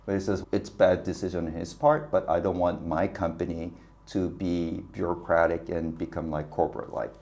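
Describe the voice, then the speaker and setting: A man with a very deep voice, a business consultant appearing as a guest, tells stories casually in an interview at a normal speed. He's animated, laughs often, and acts out the dialogue he quotes.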